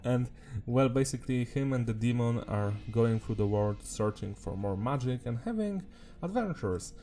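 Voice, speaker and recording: Mellow man with a sore, swollen throat. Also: medium pitch, expressive, moderate pace, soft background music. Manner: informal, mild swearing. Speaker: anime review video host. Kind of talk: casual rambling commentary.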